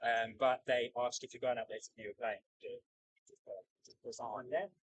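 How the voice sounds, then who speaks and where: A man's voice: medium pitch, steady tone, normal speed, no echo, poor audio. Man with a broad Kiwi accent. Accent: broad New Zealand. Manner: upbeat, matey, enthusiastic. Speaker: livestream host. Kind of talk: casual livestream chat. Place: outdoors beside an airport.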